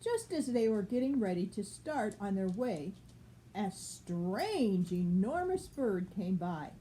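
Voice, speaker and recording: A woman's voice: mid-range voice, big pitch swings, slow pace, mellow, a little hiss or hum. An older woman reading a picture book aloud as a grandmother, explaining things simply for a child with casual asides.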